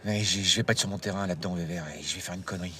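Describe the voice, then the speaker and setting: An actor playing a nervous, lovesick office worker in a film comedy, hesitant and stammering. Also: male voice, deep voice, fairly even intonation, racing, a bit bright, a little hiss or hum. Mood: anxious.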